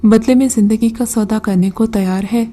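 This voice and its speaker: A woman's voice: a little high, steady tone, dark tone, close to an everyday voice. A woman voicing a mocking old male jinn who gives scornful, brusque commands in a storybook reading.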